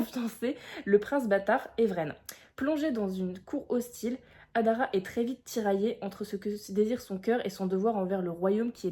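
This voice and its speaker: A young woman chatting casually in a reading vlog, expressive and full of fillers, with bursts of excitement. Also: mid-range voice. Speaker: book vlogger.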